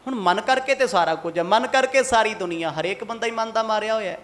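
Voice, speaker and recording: A high-pitched man preaching a Sikh katha sermon to a congregation. He is from Mohali in Punjab. He keeps putting pointed questions to his listeners and slips into the voices of the people he quotes. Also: quick pace, fairly bright tone. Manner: asks the congregation rhetorical questions and acts out quoted speech.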